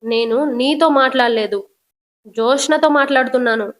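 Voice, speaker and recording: A woman's voice: sits high, normal speed, lightly acted. A woman playing a stern, commanding father. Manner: stern, forceful questioning. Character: stern middle-aged father, angry and commanding.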